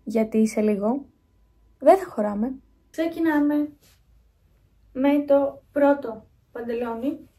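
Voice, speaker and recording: Chatty high-voiced young woman vlogger. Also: long pauses, mellow, husky. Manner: chatty and rambling, talking straight to viewers. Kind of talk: casual vlog chat. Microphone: phone held at arm's length.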